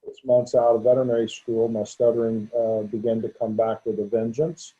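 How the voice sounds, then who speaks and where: A sixty-something veterinarian, interviewed as a guest, delivers his words flatly and briskly in a mellow, medium-pitched voice. He talks openly but stutters with repetitions and restarts; the audio is dull lo-fi.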